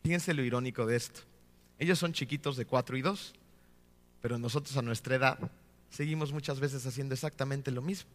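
A man in his thirties, a pastor, preaching a sermon full of rhetorical questions and often slowing down to stress his key points. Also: medium pitch, in a large hall. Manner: rhetorical questions with frequent tag "¿no?".

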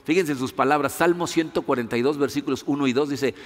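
A man's voice: mid-range voice, fast talker. Man preaching with long hall reverb. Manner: conversational, asks rhetorical questions. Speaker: pastor. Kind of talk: sermon.

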